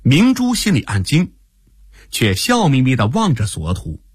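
A man narrating a historical radio story in an expressive storytelling style. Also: mid-range voice, normal speed, slightly rough, no echo, clean studio sound.

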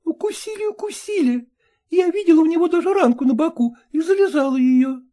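A cheeky, coquettish female stray dog, chattering fast and sweetly. The voice sits very high and bounces with lively pitch. Its tone stays soft and mellow. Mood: coquettish teasing. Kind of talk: audiobook character voice.

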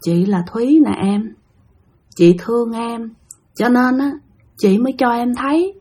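Sometimes a haunting spirit speaks through a living man, its voice deep and rumbling, slow and coaxing, as a woman storyteller puts it on. It has a strange, unsettling weight. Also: dark tone, breathy edge. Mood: eerie.

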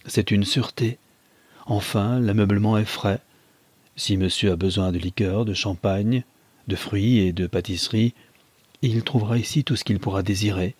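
A man's voice: lowish voice, steady tone, moderate pace, a little mellow, slightly rough, no echo. A man voicing an obliging, deferential hotel waiter. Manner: deferential, salesmanlike.

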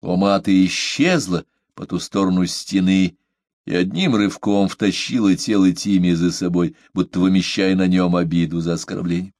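A man reading a novel aloud as an audiobook narrator, in an expressive, lively manner. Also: low-pitched, moderate pace, no echo, studio quality.

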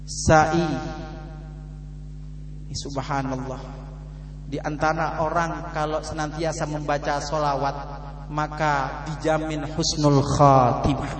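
A male preacher telling a story in a sermon, dramatic and swinging from hushed to loud, recorded in an echoey hall with a humming noise. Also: fairly high pitch.

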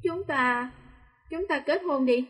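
A frantic, hot-tempered young man, as a woman narrator acts him out, urgent and protective. The voice is rather high and carries a long, ringing reverb. It comes from a romance storybook reading. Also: animated, fast talker, natural voice. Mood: pleading. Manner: agitated, urgent.

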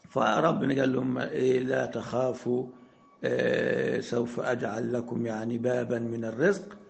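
A man's voice: mid-range voice, gravelly. A man with an Egyptian accent teaching an Arabic grammar lesson in a conversational way. He asks the class questions, answers them himself, and recites verses in a raised voice.

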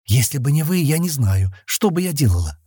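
A man's voice: fairly high pitch, big pitch swings, a little fast, mellow, slightly rough, dry recording, studio quality, pitched above the performer's own voice. A man voicing a wounded young woman pilot with a faint, weak voice in an audiobook reading. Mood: calm.

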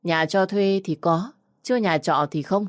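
A woman's voice: lowish voice, unhurried, no room sound, studio quality, natural voice. Woman playing a direct young country man, audio story. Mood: blunt. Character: blunt young village man around twenty.

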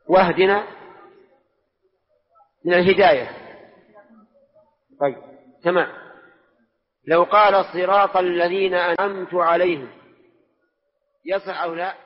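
High-voiced man teaching in echoing mosque. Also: fairly even intonation, normal speed, pauses often. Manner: quizzes students and presses them for answers. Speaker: religious scholar teaching a lesson. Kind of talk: question-and-answer religious lesson. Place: large mosque hall. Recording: dull lo-fi recording with long hall reverb.

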